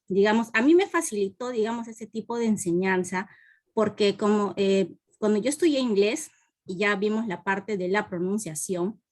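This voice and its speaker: A woman from the Peruvian Amazon puts a long question to her teacher over a video call. She talks at an everyday middle pitch and circles round her point, with plenty of fillers and restarts along the way. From Peruvian Amazon, Iquitos. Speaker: student teacher in an online class. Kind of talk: asking a question in a video class.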